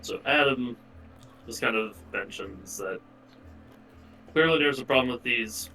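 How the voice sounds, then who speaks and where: A man playing a tabletop game over voice chat, animated and quick to react. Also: medium pitch. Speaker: player. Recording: voice from far off the mic.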